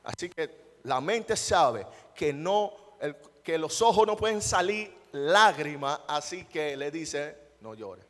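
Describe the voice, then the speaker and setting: A man's voice: fairly high pitch, lively intonation, slow, fairly bright tone. A male pastor preaching a sermon, emphatic, often asking the congregation rhetorical questions. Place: church. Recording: long church hall reverb.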